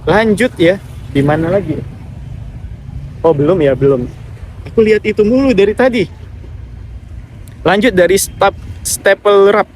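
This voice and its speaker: A man's voice: high voice, unhurried, long pauses, a little mellow, slight background noise. A man hosting a casual live Q&A, giving direct advice and reading out viewer comments. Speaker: affiliate marketing livestreamer.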